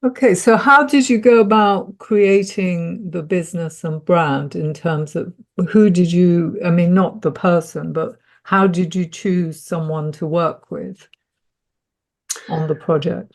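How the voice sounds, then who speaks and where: A woman's voice: lowish voice, measured pace. A woman hosting a podcast interview, asking questions and giving short encouraging responses. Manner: brief encouraging backchannels. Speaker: podcast host.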